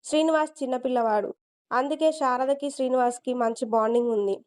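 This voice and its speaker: A woman narrates a story in a steady, expressive way. Her voice is fairly high, smooth and very clear. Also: fairly quick.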